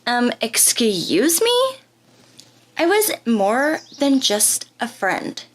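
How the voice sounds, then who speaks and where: A woman's voice: fairly high pitch, huge pitch swings, very slow, slight background noise, full character voice. A woman voicing a haughty, catty young ex-girlfriend in a comic audio drama. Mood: smug.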